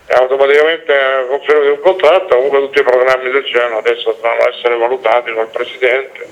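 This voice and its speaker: Halting, measured male club director calling into a radio show. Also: medium pitch, flat delivery, dull audio. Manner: halting, repeats words, measured. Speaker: football club director, guest on a phone-in. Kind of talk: phone interview about football.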